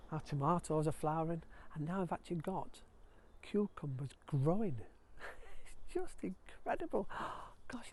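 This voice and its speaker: A middle-aged Yorkshire man talks straight to the camera outdoors on his allotment, friendly and easily excited. His voice sits a little high for a man, and a clip-on mic keeps it close. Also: slight background noise. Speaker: allotment vlogger. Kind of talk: casual gardening vlog. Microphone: clip-on mic with lead.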